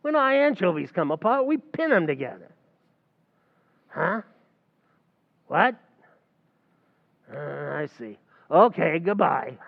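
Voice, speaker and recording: In a recreation of an old-time radio comedy, a man plays a brash, scheming tavern manager who wisecracks and mangles big words. His voice sits on the high side, very animated and heavily acted, slow and creaky, with long pauses, all heard through tinny, phone-like audio.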